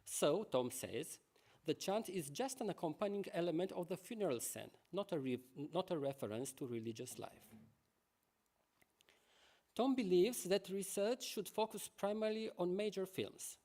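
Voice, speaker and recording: Slightly high-voiced lecturer. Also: male voice, lively intonation, dark tone. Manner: measured reading with asides to the audience. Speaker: conference lecturer. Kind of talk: reading a prepared lecture.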